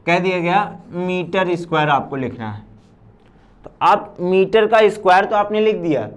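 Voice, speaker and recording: A man's voice: sits high, normal speed. A man teaching a physics class, asking and answering his own questions and repeating points for the students. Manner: addresses students as children. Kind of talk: recorded class lecture.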